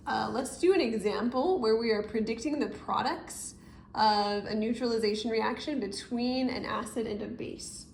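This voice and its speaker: A chemistry teacher narrates an informal step-by-step tutorial in a casual, explanatory way, seated indoors at a desk over paper. Her voice is fairly high with a darkish tone. The recording has a roomy echo and noticeable background noise.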